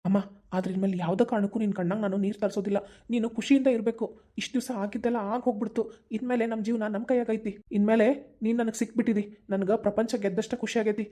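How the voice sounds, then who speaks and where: A woman's voice: medium pitch, little pitch movement, dark tone, lightly acted. A woman voicing an earnest young son with a North Karnataka accent. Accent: North Karnataka Kannada. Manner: pleading, determined, talks fast. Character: earnest young man, devoted son and brother. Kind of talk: cartoon voice acting.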